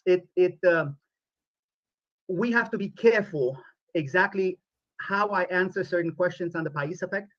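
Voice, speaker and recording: A man from Romania, speaking in a formal, deliberate way as a podcast guest. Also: sits high, a bit bright, no room sound, dull audio. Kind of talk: podcast interview played back.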